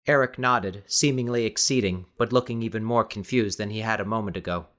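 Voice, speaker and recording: This man reads scripted dramatic fiction for an audiobook, narrating in a measured, descriptive way. His voice sits lowish and comes across a bit bright.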